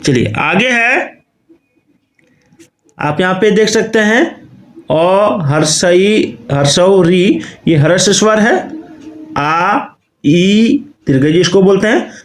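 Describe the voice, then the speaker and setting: Male Hindi grammar teacher, high-pitched and unhurried, in an echoey room. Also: lively intonation. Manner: slow, explains step by step and often repeats the question; says "okay" and "you can see" often. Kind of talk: recorded online lesson.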